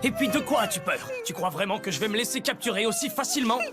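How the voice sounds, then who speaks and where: A woman's voice: mid-range voice, animated, fast, over loud music, close to an everyday voice. A woman voicing a vain, cowardly disgraced male hero in an anime dub, brusque and boastful.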